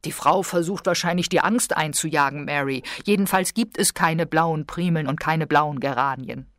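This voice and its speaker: A woman's voice: deep voice, moderate pace, fairly bright tone, dry recording, clean studio sound. A woman voicing a skeptical, dryly amused husband who mocks his wife's worries.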